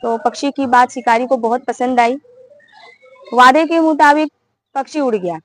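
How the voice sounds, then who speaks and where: A woman's voice: high-pitched, normal speed, a bit bright, no echo, poor audio. A woman narrating a moral fable in a plain, repetitive retelling style. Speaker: storyteller. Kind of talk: storytelling narration.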